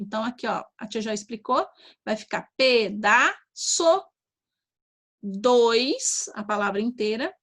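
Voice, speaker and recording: Professora brasileira de voz aguda. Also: female voice, a little high, fairly bright tone. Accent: Brazilian Portuguese. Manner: slow, sounding out syllables, frequent "tá?" and "ó". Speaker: primary school teacher. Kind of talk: online lesson to young children.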